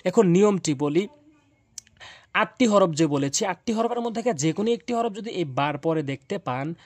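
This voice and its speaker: A man teaching Quran pronunciation in a spoken video lesson, drilling syllables slowly and repeatedly with hesitant pauses. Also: high voice, expressive, no room sound. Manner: slow, repetitive drilling of syllables with frequent "ah" pauses.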